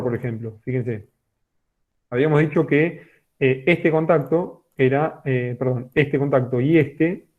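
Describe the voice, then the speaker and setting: A man talks a geology class through a drawing, stopping again and again to check that the students follow. His voice sits at an ordinary pitch. It comes through a narrow, phone-like video call line. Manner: explanatory, keeps checking in with a questioning "sí". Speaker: geology teacher. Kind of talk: online class lecture. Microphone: computer microphone on a video call. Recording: tinny phone-like online call audio.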